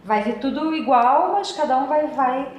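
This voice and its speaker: Fairly high woman in an echoey room. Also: expressive, normal speed, a little mellow, highs cut off. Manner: chatty, agreeing and adding examples. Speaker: voice actress. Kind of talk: interview. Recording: very echoey room with faint noise.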